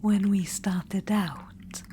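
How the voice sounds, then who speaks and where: In a whispered ASMR roleplay, a woman plays an ancient undead witch-queen who is vain and scheming, whispering softly and without hurry in a mid-range voice. She drags out her words and sounds condescending, calling the listener darling in a sly, coaxing mood, with slight background noise behind her.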